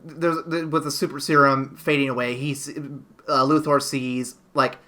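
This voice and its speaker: A man's voice: mid-range voice, flat delivery, a little slow, pushed and bright. A man hosting a podcast, reviewing a movie in casual chat and rambling through restarts and fillers. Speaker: podcast host.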